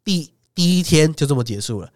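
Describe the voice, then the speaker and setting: A co-host recounts a story in lively, swooping tones, laughing often and dropping casual swears. The voice sits at a middle pitch. The recording is dry and close, with no room sound. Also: brisk, dry recording.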